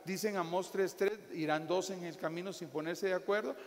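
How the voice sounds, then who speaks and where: Guatemalan pastor guy, jokey animated sermon, a bit high voiced, big echoey hall. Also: moderate pace. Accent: Guatemalan Spanish. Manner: jokey, animated preaching with acted asides. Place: church hall. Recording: echoey hall with faint ambience.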